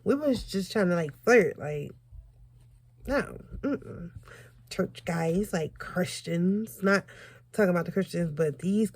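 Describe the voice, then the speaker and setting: A woman's voice: fairly low pitch, animated, slow pace, darkish tone, husky. A young woman telling a casual personal story in a conversational, profane, slangy way, acting out what people said as she goes. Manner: acts out quoted dialogue. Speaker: storytelling vlogger.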